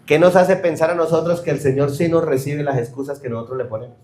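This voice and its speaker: Male pastor, high voice, emphatic sermon delivery with questions to the crowd, echoey church hall. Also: steady tone, quick pace, a little mellow. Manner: emphatic, questions the congregation and acts out quoted excuses.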